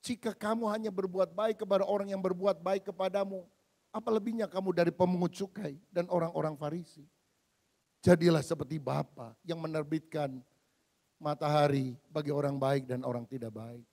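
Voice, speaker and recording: A male pastor preaching a sermon, telling stories with animated swings from loud to hushed. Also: fairly high pitch, normal speed. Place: large church hall. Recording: long hall reverb.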